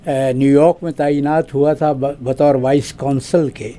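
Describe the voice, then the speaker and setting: An older man from Pakistan, a retired diplomat and guest analyst, gives formal commentary at a measured pace and pauses with drawn-out fillers. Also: fairly high pitch, steady tone, dark tone.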